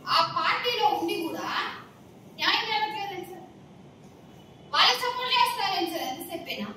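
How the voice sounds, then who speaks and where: A woman's voice: very high-pitched, animated, fairly quick, pushed and bright. A woman making an indignant, pleading appeal to reporters, repeatedly addressing them as sir. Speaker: complainant speaking to the press. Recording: echoey, distant mic, noisy surroundings.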